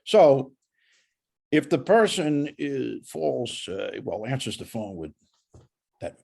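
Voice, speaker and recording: A middle-aged man with a husky voice, coaching a student one-on-one on sales calls in a folksy, animated way. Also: medium pitch, slow pace. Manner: animated, folksy, uses analogies.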